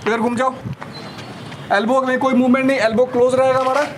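A young man in his twenties coaching a home biceps workout on a rooftop, cueing each rep with energetic counting. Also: very high voice. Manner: energetic coaching, repeated "slowly slowly" and counting cues. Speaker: fitness trainer. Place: rooftop terrace outdoors. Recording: noisy outdoor rooftop recording. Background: outdoor street ambience, vehicles.

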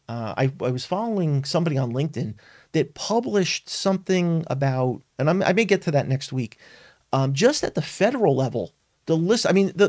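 A man's voice: a little high, darkish tone, no room sound, studio quality. A man hosting a weekly live webinar, talking earnestly and emphatically with frequent restarts and fillers. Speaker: webinar host. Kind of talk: live-streamed tech talk.

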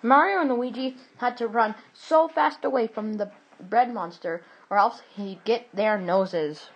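A woman telling an improvised storybook tale in an animated way, stumbling into restarts and adding sound effects. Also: fairly high pitch, unhurried, slightly rough, low-quality recording.

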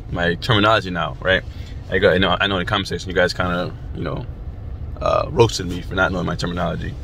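Young male vlogger, deepish voice, cold and halting, informal talk from a car seat, slight background noise. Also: sharp tone. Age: young adult. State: chilled by the cold. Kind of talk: casual chat to camera. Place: inside a parked car.

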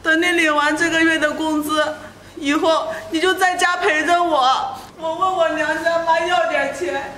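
A woman playing a timid, tearful young wife in a short family drama, speaking softly and pleadingly. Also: very high-pitched, fairly even intonation, moderate pace. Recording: echoey room, faint background noise.

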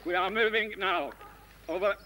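A man's voice: high-pitched, fairly even intonation, normal speed, bright, forceful tone. A man giving clipped, commanding orders and radio calls on a field exercise, repeating his instructions. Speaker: army course instructor. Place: outdoors on open moorland beside a track. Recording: noisy lo-fi outdoor camcorder recording.

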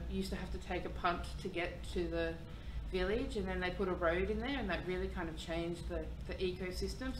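Reflective Fiji-born woman artist speaking. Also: on the low side. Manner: relaxed, reflective, loose with fillers. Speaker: artist, guest. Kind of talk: casual public talk. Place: art gallery room with audience. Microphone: far camera. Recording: echoey room, far from the mic, audible noise.

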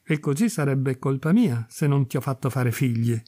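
Man playing a gruff aging farmer, dark voice, dry storybook sound. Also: mid-range voice, expressive, moderate pace, no room sound, close to an everyday voice. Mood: stern. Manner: gruff, stunned then gleeful.

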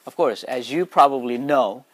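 A Nepali man in his forties, a native speaker from Nepal, gives schoolchildren an earnest motivational talk, often checking in and asking them questions. He speaks in a mid-range voice at normal speed.

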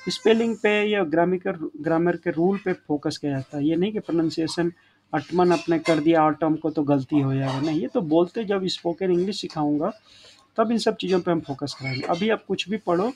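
A man's voice: fairly high pitch, fairly quick, darkish tone, poor audio. A man with a slightly raised voice gives a grammar lesson and keeps checking that his students are following along. Faint background hiss sits under the recording. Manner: addresses students as children, frequent checking tags. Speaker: English teacher.

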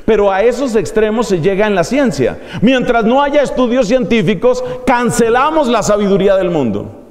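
High-voiced priest lecturing with irony. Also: male voice, very animated, normal speed, a little mellow. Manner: ironic, rhetorical questions to the audience. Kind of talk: university lecture. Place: university lecture hall. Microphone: microphone. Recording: long hall reverb.

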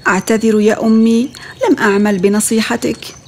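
A woman's voice: a little high, little pitch movement, a little fast. A woman doing a bold eldest chick. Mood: apologetic. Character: eldest baby bird, bold but naive.

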